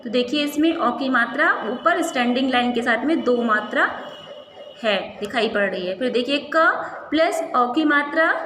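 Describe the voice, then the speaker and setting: A woman teaching a primary school Hindi class, sounding out words slowly syllable by syllable and asking and answering her own questions. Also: high voice, bright, forceful tone. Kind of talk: classroom lesson, slow syllable-by-syllable drilling. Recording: echoey room with faint ambient noise.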